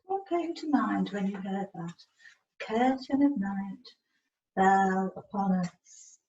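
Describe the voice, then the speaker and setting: Over a video call from indoors, a communication support worker patiently guides a student through spelling and writing, calling out letters and offering brief, encouraging directions. Her mid-range voice is slightly mellow, slow, and lively in intonation, captured by a distant computer mic that makes the audio dull, roomy, and noisy.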